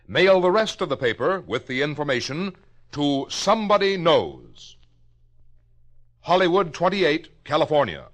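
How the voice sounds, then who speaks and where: On a 1950s radio broadcast, an American announcer reads his script formally and in measured fashion, enunciating deliberately. His voice is a little high and very animated.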